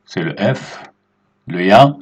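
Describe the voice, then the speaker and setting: A man teaching Arabic letters at a whiteboard, explaining slowly and patiently and checking in with his students often. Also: deep voice, expressive, slightly rough. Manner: slow and patient, checks in with "d'accord?". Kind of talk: whiteboard language lesson.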